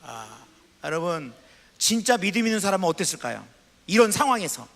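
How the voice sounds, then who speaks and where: A man preaching a sermon as pastor, asking the congregation questions and reading scripture aloud slowly. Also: high-pitched, big pitch swings, vocal fry, a bit bright, in a large hall. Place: church sanctuary.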